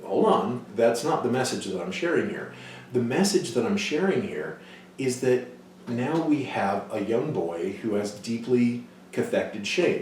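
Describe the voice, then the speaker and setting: A man gives a psychology lecture, telling case stories and acting out voices in them. His voice sits fairly low and sounds distant from the mic. The hall around him is heavily echoey, with faint noise behind. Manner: storytelling, acts out quoted voices loudly.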